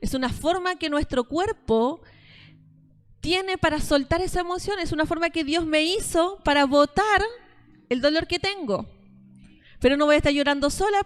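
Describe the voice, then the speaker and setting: A woman, preaching a sermon as pastor and acting out both sides of conversations as she tells stories. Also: sits high.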